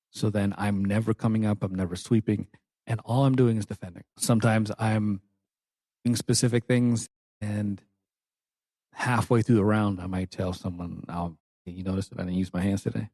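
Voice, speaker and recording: Male coach-host, low register, dry close mic; loose, joking, crude podcast monologue. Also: mellow, no room sound. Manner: playful, joking, with crude language. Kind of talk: casual solo podcast monologue.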